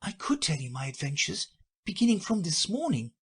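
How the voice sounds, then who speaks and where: A man voicing a polite, curious young girl who speaks with a timid, wondering manner and a husky edge. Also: sits high, very animated, measured pace, pitched above the performer's own voice, exaggerated voice.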